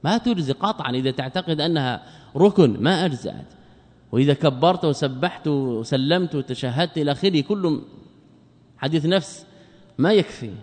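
A man teaching a religious text as a sheikh, lecturing quickly and asking his students questions he then answers himself. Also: fairly high pitch, lively intonation, a little mellow, long reverb tail.

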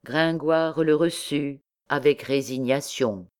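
A woman narrating a classic novel as an audiobook in a measured, steady way. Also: low-pitched, clear, resonant tone.

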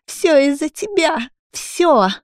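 A woman's voice: animated, slow pace, no echo, studio quality. A woman voicing an unhinged, furious pregnant young woman who screams and mocks in an audiobook. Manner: shrill, screaming, mocking.

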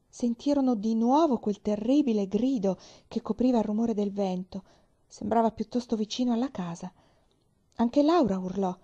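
Warm-voiced woman reading a story aloud. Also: medium pitch, lo-fi sound. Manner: expressive, drops to whispers. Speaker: reader. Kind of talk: audiobook narration.

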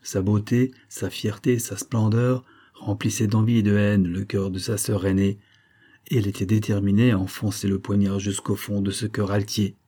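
Male audiobook narrator, dark mellow tone, husky, steady measured reading. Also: lowish voice. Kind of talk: scripted narration of a novel.

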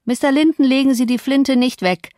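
A woman playing a loud, gruff male servant. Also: high voice, fairly even intonation, fairly quick, dry recording, studio quality, voice pushed up, close to an everyday voice. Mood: shouting. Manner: gruff, shouting accusations. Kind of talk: audiobook reading.

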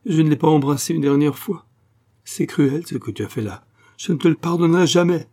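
A man's voice: a little high, a little fast, dark tone, voice pushed up. A man voicing an impassioned young woman in an audiobook, reproachful and anguished in her outbursts. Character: young woman, grieving, impassioned actress-in-training.

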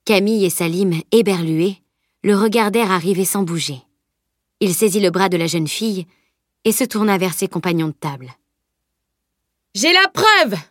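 A woman narrating a novel as an audiobook reader, with even, clear storytelling. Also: on the low side, moderate pace, no echo, studio quality. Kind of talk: scripted narration.

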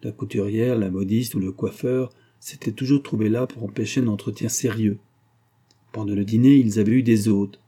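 A man reading a novel aloud as an audiobook narrator, in steady, even scripted narration. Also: on the low side, moderate pace, breathy edge.

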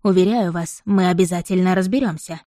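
A woman's voice: on the low side, a little fast, mellow, no room sound, studio quality, natural voice. A woman reading an audiobook and voicing a flustered, fawning older boarding-school headmistress who babbles to placate. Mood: placating.

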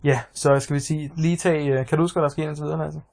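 A man's voice: on the high side, steady tone, gravelly, darkish tone. A man co-hosting a casual podcast chat, self-mocking and full of fillers. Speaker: podcast co-host. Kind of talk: casual chat and reading a story.

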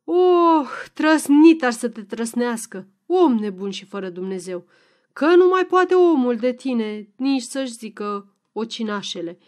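A woman voicing a sharp-tongued, scolding old peasant wife in an audiobook. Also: fairly high pitch, expressive, close to an everyday voice. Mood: furious.

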